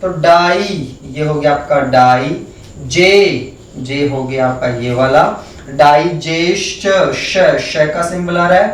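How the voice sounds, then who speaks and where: Male teacher, slow deliberate talk, spells stuff out, echoey classroom, kinda far from the mic. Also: on the high side, a little hiss or hum. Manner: slow, spells words out letter by letter. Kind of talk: blackboard phonetics lesson.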